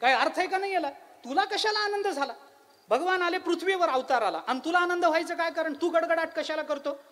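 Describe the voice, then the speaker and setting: A man's voice: very high-pitched, fairly quick, a bit bright, in a large hall, pitched above the performer's own voice. A male preacher voicing the sky, scolding the thunderclouds with mocking, rhetorical questions.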